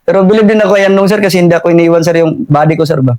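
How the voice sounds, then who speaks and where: Young Filipino soldier, high-pitched, saying "sir" constantly. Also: male voice, racing, a little mellow. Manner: says "sir" after nearly every phrase, with frequent chuckles. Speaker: soldier telling his war story. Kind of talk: casual interview storytelling.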